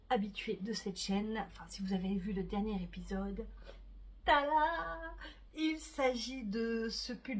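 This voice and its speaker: A woman talking casually to her viewers about her knitting projects, chatty, with many fillers and soft asides. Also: mid-range voice, husky. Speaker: knitting vlogger. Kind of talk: casual chat to camera.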